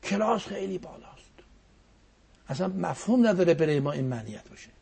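A man's voice: sits high, animated, gravelly, darkish tone, husky. A man giving a reflective religious talk as a cleric, quoting verses and poetry as he goes.

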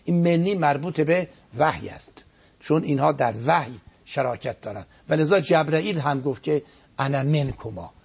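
Rough husky-voiced guy, a cleric giving a fervent religious talk on a show. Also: on the high side. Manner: earnest, emphatic preaching with repetitions. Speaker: guest cleric. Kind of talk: religious lecture on a broadcast program.

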